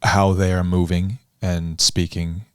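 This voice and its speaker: A man and coach on a podcast conversation, explaining ideas in a measured, thoughtful way. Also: sits low, level tone, smooth, dry recording, studio quality. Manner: measured, thoughtful, deliberate phrasing.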